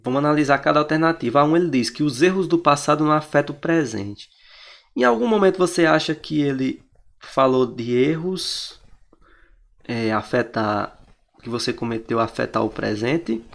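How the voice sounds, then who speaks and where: A Brazilian man teaching a class, talking through exam answers step by step. His voice sits a little high for a man and has a gravelly, creaky edge, and he keeps pointing things out as he goes. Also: lively intonation, moderate pace. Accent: Brazilian Portuguese.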